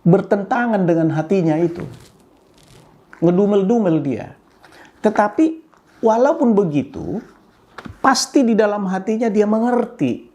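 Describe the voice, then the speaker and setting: A man's voice: measured pace, pauses often. Older man telling a story. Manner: animated retelling with pitch jumps and chuckles. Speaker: speaker addressing an audience. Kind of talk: storytelling talk.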